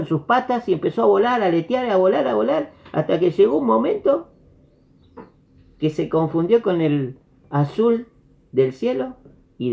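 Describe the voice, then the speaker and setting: A man's voice: sits high, gravelly. A man with a Rioplatense Spanish accent, preaching and telling a parable while acting out the characters' lines. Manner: animated storyteller, acts out characters' lines. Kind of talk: sermon parable storytelling. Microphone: video call. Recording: dull lo-fi video call audio.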